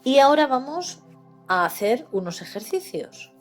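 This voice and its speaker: Patient female teacher with a Spain Spanish accent, voice pitched a bit high, over soft background music. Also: big pitch swings. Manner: slow, patient, spells out words. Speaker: literacy teacher for seniors. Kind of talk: explaining grammar lesson.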